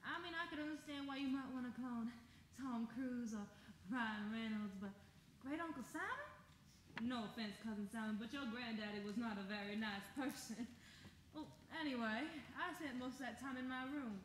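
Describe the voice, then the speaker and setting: A woman acting out a chatty heiress spilling gossip in a stage mystery, high-pitched and gushing. Her voice rings through an echoey hall over light hiss. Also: close to an everyday voice. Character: gossipy, theatrical young heiress.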